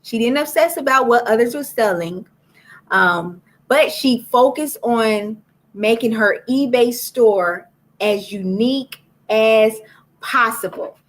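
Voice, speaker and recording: A woman's voice: on the high side, takes it slowly. A woman hosting a live-streamed book club, talking straight to her viewers in a chatty way. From Florida. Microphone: laptop or phone for a live stream.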